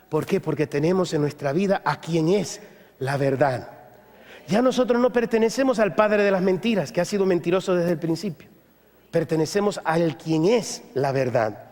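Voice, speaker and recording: Man, pastor preaching a sermon, emphatic and repetitive, loud then hushed, high voice, long church reverb. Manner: emphatic preaching, repeats key phrases, swings between loud and hushed. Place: church service.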